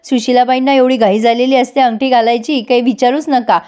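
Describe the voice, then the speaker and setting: A woman with a high voice recaps a TV serial in a relaxed, chatty way. She talks directly to her viewers as she tells the story. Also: fairly quick.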